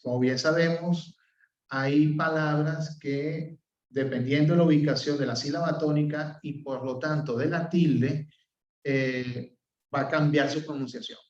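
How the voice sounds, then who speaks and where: Venezuelan professor lecturing in a roomy classroom. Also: male voice, on the high side, fairly even intonation, unhurried. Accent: Venezuelan Spanish. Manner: explanatory, frequent "eh" and checking "¿ok?". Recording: roomy, distant, dull sound.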